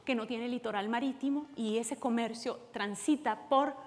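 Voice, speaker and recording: A woman from Venezuela presenting at a conference panel, explaining with frequent fillers and a hurried, explanatory manner. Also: on the high side, big-room sound. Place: large conference hall.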